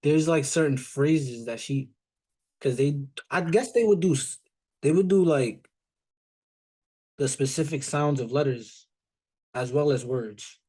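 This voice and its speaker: Young man, podcast co-host, fairly high voice, blunt, laid-back, mocking. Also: expressive, unhurried, long pauses, dark tone. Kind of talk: casual chat.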